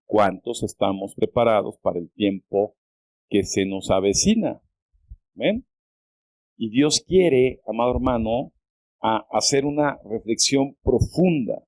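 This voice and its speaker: A man preaching a sermon as a church pastor, in a deliberate style, often checking in with "¿verdad?" and rising high when quoting pleas. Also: lively intonation, darkish tone, no echo. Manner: slow, deliberate preaching with frequent "¿verdad?" asides; rises sharply in pitch when quoting pleas.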